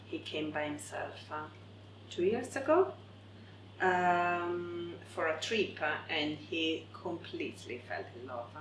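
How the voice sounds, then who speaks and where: A woman answering interview questions hesitantly, with many pauses and fillers. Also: sits low, expressive. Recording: echoey room with loud background noise.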